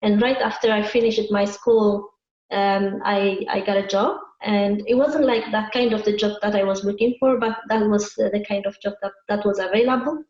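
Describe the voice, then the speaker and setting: Eritrean-born woman speaking, flat tone. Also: mid-range voice, normal speed. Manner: hesitant, many fillers. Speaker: guest. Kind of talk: interview answers. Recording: echoey muffled video call.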